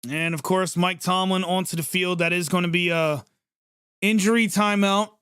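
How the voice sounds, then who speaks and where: A man hosting a live sports reaction stream, calling the plays as they happen in an excitable, chatty way and reacting quickly to each one. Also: sits high, clean tone, no room sound, studio quality. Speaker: livestream sports reaction host. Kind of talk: live play-by-play reaction commentary.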